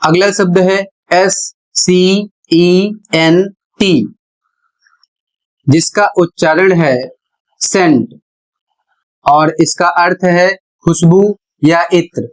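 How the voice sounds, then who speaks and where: A male teacher giving a classroom-style lesson, deliberate and spelling things out letter by letter with pauses. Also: sits high, steady tone, poor audio.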